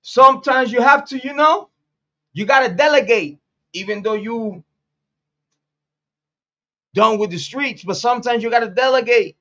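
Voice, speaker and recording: This commentary channel host, a Puerto Rican man in his late forties, speaks bluntly and profanely in a casual monologue, repeating phrases to stress them. His voice is very high and fairly bright, at normal speed with long pauses, and the recording's highs are cut off.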